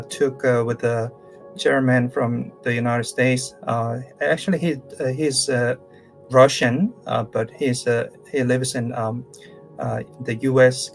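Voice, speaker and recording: The live-streamed lecture comes from a South Korean career coach in his thirties using Korean-accented English, and his delivery is halting, marked by many fillers and restarts. He has a creaky voice of medium pitch.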